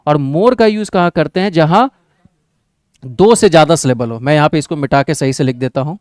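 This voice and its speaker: A man with an Indian accent teaches an exam-prep English lesson in a smooth, crisp voice pitched somewhat high. The sound is dry and close to the microphone. He keeps checking that his students follow along and reads the example sentences aloud slowly. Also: darkish tone, no room sound. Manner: checks in with the class, calls students "babu" and "bhai".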